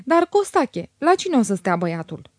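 A woman reading the lines of a sour, harsh middle-aged aunt in a storybook reading, curt and raspy. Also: fairly high pitch, very animated, no room sound, studio quality. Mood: gruff. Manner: gruff, curt.

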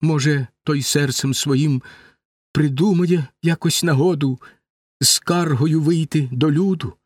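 Grieving reproachful queen voiced by a man, high-pitched, lamenting, dry close sound. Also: takes it slowly, no room sound. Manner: raised, lamenting verse delivery. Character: grieving middle-aged queen woman, anxious and reproachful.

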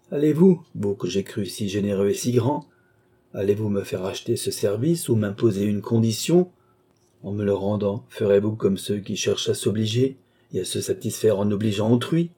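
Storybook noble, read by a man: proud, vengeful, low husky voice, vehement. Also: mellow. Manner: vehement, indignant pleading. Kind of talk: audiobook character voice.

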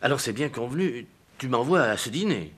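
An actor playing a put-upon bourgeois husband with a husky voice who grumbles sulkily. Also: male voice, medium pitch, lively intonation, fairly quick, fairly bright tone, slight background noise, natural voice. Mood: sulky.

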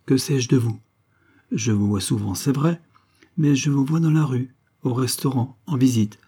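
A man's voice: medium pitch, moderate pace, warm tone, breathy edge, pitched above the performer's own voice. A man voicing a poised, ironic young foreign woman who teases her suitor. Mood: teasing. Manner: mocking, poised, teasing.

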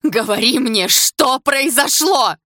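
A woman voicing a distraught young woman who shouts and sobs in grief, with a husky voice. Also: animated, slow pace, no echo, clean studio sound, exaggerated voice. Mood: hysterical. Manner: shrill, sobbing cries.

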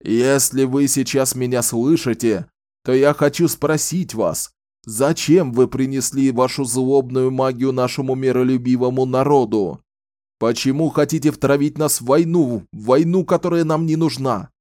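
A man's voice: medium pitch, fairly even intonation, moderate pace, mellow, dry recording, clean studio sound, pitched above the performer's own voice, close to an everyday voice. An actor playing an impassioned male orator who harangues a crowd, pleading and declaiming.

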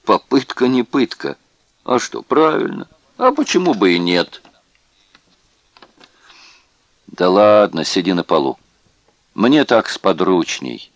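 This is a cruel, tipsy camp guard who sneers and taunts with mock friendliness, as a man reads him out. The voice sits higher than the reader's own and has a gravelly edge. It swings up and down a lot and sounds dry and close. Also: very animated, unhurried, dry recording, muffled recording. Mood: gloating.

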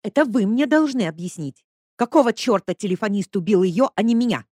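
A reader voicing a dramatic, easily panicked young woman who complains in shrill outbursts. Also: very animated, fairly quick, darkish tone, no room sound, studio quality, natural voice. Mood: agitated.

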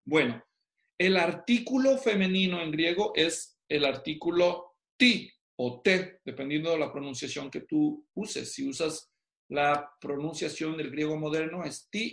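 Guy teaching bible study in an echoey hall, slow and careful, keeps asking the class questions. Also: on the high side, gravelly, fairly bright tone. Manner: explains step by step, quizzes the audience.

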